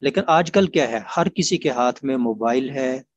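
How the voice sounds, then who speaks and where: A man teaching an online grammar class, explaining patiently and repeating examples slowly. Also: medium pitch, lively intonation, muffled recording.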